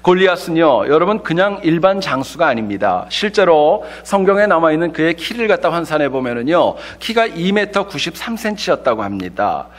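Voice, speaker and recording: A man preaching a Sunday sermon as pastor, telling light humorous stories in a lively way before turning to the scripture. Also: fairly high pitch, fairly quick, hardly any pauses. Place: church sanctuary.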